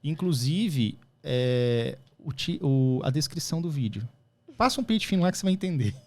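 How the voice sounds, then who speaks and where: A Brazilian man with a Brazilian Portuguese accent, hosting a podcast in a relaxed, agreeable, slangy way. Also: a little high, moderate pace. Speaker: podcast host. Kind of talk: casual interview.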